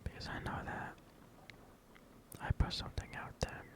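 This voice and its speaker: An ASMR creator speaks entirely in a breathy whisper. The delivery is halting and rambling, offering reassuring affirmations in short, unhurried phrases. No full voice comes through.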